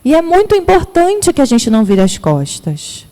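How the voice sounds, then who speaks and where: A woman's voice: high voice, huge pitch swings, normal speed, mellow. A woman in her thirties with a Rio de Janeiro accent gives a spiritist lecture and tells her story by acting out the dialogue. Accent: Rio de Janeiro Portuguese. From Brazil. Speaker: speaker at a spiritist center. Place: spiritist center lecture hall. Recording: long hall reverb.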